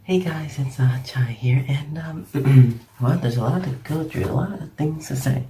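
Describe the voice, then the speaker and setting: A sick man with a raspy voice, chatting casually and rambling in a half whisper as an ASMR creator. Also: mid-range voice, measured pace, warm tone, reverberant, far from the mic, a little hiss or hum. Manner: rambling, giggly, self-deprecating.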